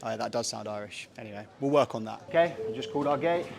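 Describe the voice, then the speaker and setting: A man's voice: mid-range voice, lively intonation, fast, creaky. A young man from England, talking casually and joking as he tries and reviews food on a travel vlog. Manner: chatty, jokey, giving offhand opinions. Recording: music playing under the voice.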